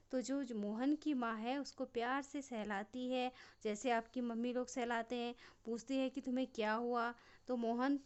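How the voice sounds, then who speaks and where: A woman teacher with a Hindi accent from Uttarakhand, explaining a lesson in a fairly high, smooth voice. She retells the story plainly for children and sometimes restarts a phrase. The recording is dull and lo-fi.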